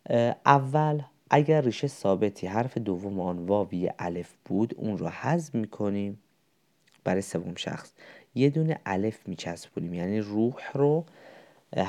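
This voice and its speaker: A man giving an informal video lesson as a teacher, drilling examples by repeating forms slowly. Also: lowish voice, gravelly, darkish tone. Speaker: Arabic teacher.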